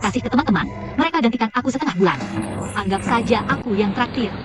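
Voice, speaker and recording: A woman voicing a calm, self-assured young chef in a dubbed drama. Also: fairly high pitch, fast talker, heavy background noise, close to an everyday voice. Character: proud young female chef, calm and firm.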